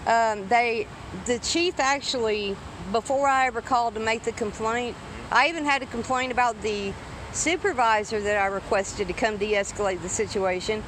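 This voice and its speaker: A woman's voice: on the high side, moderate pace. A woman with a rural Southern US drawl chatting casually, talkative, folksy and emphatic. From Tennessee, southern United States. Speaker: independent journalist filming police encounters. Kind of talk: casual conversation. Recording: outdoor street recording with clear traffic noise.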